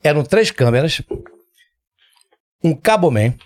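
A man's voice: fairly high pitch, slow pace. An older man with a Pará accent, a former TV news presenter telling stories as a podcast guest, swearing freely. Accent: Pará Portuguese. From Pará, Brazil. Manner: lively storyteller, swears freely. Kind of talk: casual podcast chat.

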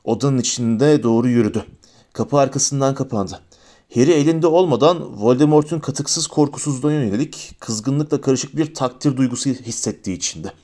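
Man, audiobook narrator, fantasy novel, steady expressive reading, mid-range voice. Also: mid-range voice, moderate pace.

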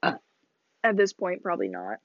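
A woman's voice: fairly low pitch, very animated, normal speed, gravelly, no echo. Young woman, rambling podcast chat, sniffly, dry close sound, dull lo-fi audio. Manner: chatty, rambling, laughs while talking. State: sniffly, coughing. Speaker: podcast host. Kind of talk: casual solo podcast chat. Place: small bedroom.

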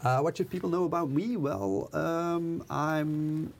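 A man's voice: a little high, unhurried, creaky. A man hosting a casual podcast in English, chatting in a friendly way with frequent ums and uhs. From Belgium. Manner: friendly, hesitant with fillers. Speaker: podcast host.

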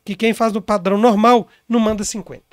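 High voiced guy, sales consultant, emphatic, explains everything w examples, super dry sound. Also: fairly even intonation, quick pace, no room sound. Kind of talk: casual interview talk.

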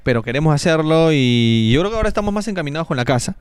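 A man's voice: fairly high pitch, animated, rapid-fire, clear, resonant tone, dry recording. A young man with a Peruvian accent, a podcast guest chatting casually and thinking aloud with hesitant fillers. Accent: Peruvian Spanish. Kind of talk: casual chat.

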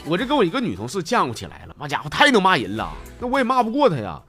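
A man with a Northeastern Mandarin accent, hosting a comedy podcast and telling jokes and funny stories in a lively, folksy way. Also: sits high, very fast, breathy edge, soft background music. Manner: lively storyteller with folksy slang.

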